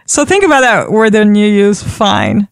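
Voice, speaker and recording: A woman giving an instructional talk on communication, measured and repeating key points for emphasis. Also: mid-range voice, lively intonation, clear, resonant tone, dry recording, clean studio sound. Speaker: communication trainer.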